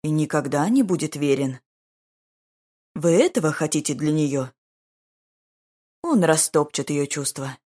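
A woman voicing a young duke in an audiobook, speaking calmly and ironically in a measured way. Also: low voice. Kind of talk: audiobook character voice.

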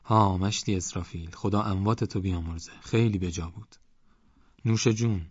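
A man voicing a gentle, earnest village preacher who speaks in a measured way. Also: low voice, fairly even intonation, husky, dry recording, lo-fi sound. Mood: solemn.

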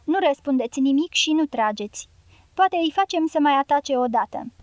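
A woman reading the part of a calm, sly older male guerrilla leader who gives quiet orders in an audiobook. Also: sits high, no room sound, muffled recording. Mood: commanding.

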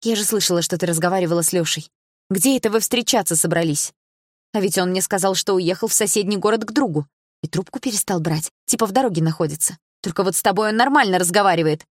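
A woman voicing a frightened, indignant young female friend who speaks high and loud, close to shouting, in an audiobook. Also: fast talker, dry recording, lightly acted.

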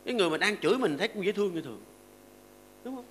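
An older monk preaches in a high voice with a bright, forceful edge. He teaches through homely stories and short verses, and he keeps stopping to ask his seated listeners to agree. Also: lively intonation, rapid-fire, a little hiss or hum. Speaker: Buddhist monk giving a dharma talk. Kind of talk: sermon to a seated audience.

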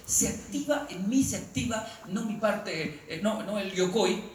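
A man giving a humorous talk, telling stories in an animated way and acting out the voices he quotes. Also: sits high, measured pace. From Colombia. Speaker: speaker. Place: lecture hall. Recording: roomy, distant and noisy live hall.

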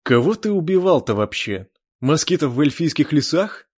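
A man voicing a scornful man who goads a comrade with mocking, drawn-out taunts, as an audiobook character voice. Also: on the low side, darkish tone, no echo, clean studio sound.

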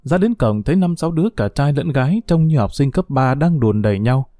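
A man narrating a first-person story in a calm, measured way. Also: medium pitch, dry recording, studio quality.

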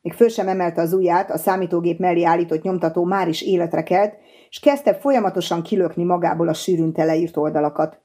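A woman reading an audiobook novel in an even, measured narration. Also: lowish voice. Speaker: audiobook reader.

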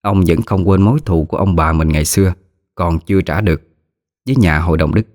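A man narrating a story in a measured, dramatic way. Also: deep voice, darkish tone, dry recording, studio quality.

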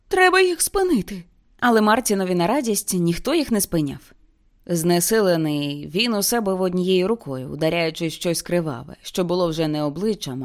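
A woman reading a novel aloud as an audiobook, with intense dramatic narration that slows for grim moments. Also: on the low side, a little mellow. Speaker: audiobook reader.

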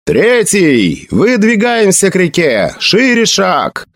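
A man's voice: sits high, huge pitch swings, fairly quick, pitched above the performer's own voice, exaggerated voice. A man voicing a young guard captain barking orders in a night alarm. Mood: commanding. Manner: sharp shouted orders.

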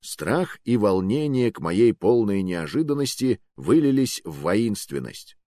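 A man reading a first-person adventure story aloud as an expressive audiobook narrator. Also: lowish voice, a little slow, no echo, clean studio sound.

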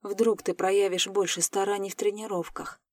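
A woman voicing a grown man, a calm time-travelling mentor, speaking in a measured, slightly lowered voice in an audiobook. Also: dry recording. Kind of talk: audiobook character voice.

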